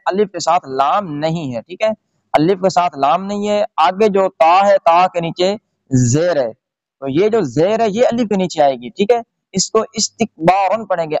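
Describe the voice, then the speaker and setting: A man's voice: fairly high pitch, a little mellow, no echo. A man teaching Quran reading in a tutorial lesson, patiently explaining rules step by step and checking in with his listeners. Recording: dry, slightly dull lo-fi recording.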